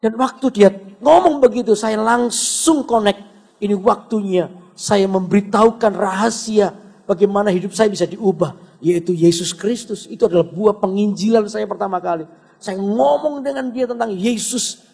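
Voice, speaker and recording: A man's voice: high-pitched, moderate pace, vocal fry, darkish tone, breathy edge. A man, preaching a sermon and telling a personal story, acting out his classmates' voices. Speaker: pastor. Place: church hall. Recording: long hall reverb from church.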